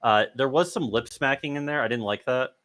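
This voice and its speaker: Bright-voiced, hesitant man judge. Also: medium pitch, brisk, no room sound. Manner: hesitant, fair-minded, restarts often. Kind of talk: casual livestream chat.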